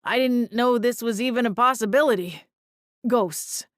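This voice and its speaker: A woman voicing a forlorn, bewildered man's ghost with halting delivery in an audiobook. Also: fairly high pitch, dry recording, clean studio sound, voice pushed up, close to an everyday voice. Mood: bewildered, subdued. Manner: hesitant, halting. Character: bewildered, forlorn male ghost of a funeral worker. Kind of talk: audiobook character voice.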